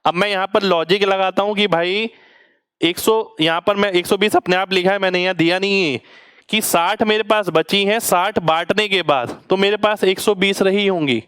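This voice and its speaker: A male maths teacher in an online coaching lecture, working through a problem step by step and checking in with his students. His voice sits high and sounds smooth and resonant. The recording is close and dry, with little room sound. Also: moderate pace, fairly bright tone, no room sound. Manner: patient step-by-step explaining, often asks students to reply. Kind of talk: online exam-prep lecture.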